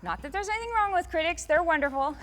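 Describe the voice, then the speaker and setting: A woman author answers interview questions in a very high, animated voice, talking fast. She's chatty and rambling, restarting her sentences often and raising her voice for emphasis.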